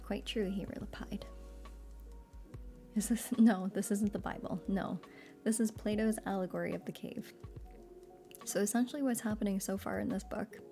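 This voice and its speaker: A woman's mellow, warm voice with a morning sleepiness to it. She chats easily and laughs often. Faint music plays behind her. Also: medium pitch, normal speed. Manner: relaxed, chatty, laughs often. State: morning voice, still waking up. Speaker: streamer reading aloud. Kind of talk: soft live-stream reading and chat.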